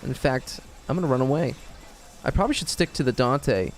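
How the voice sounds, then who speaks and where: A gaming streamer with a mid-range voice talks a little fast while playing. His casual live-stream chat is rambling and hesitant, full of fillers, and he swears at the game.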